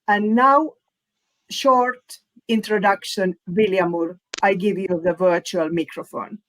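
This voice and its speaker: Finnish woman, webinar moderator, slow and halting delivery, mid-pitched voice, video-call audio. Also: steady tone, low-quality recording. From Finland. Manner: hesitant, many fillers, non-native phrasing. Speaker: panel moderator. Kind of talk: online panel webinar.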